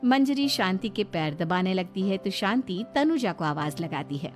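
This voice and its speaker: A woman narrating an animated moral story in an expressive storytelling style. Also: mid-range voice, normal speed, soft background music.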